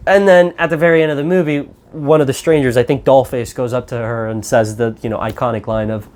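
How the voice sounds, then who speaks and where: A man's voice: medium pitch, steady tone, brisk, a little mellow. A man ranting through a movie review, exasperated and profane, rambling as he goes. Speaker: film reviewer.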